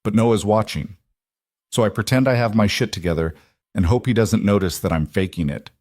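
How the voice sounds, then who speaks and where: A man's voice: on the low side, fairly quick, darkish tone, no echo, studio quality. A man voicing a tired, frank single mom. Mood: gentle. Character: weary single mother, blunt and tender.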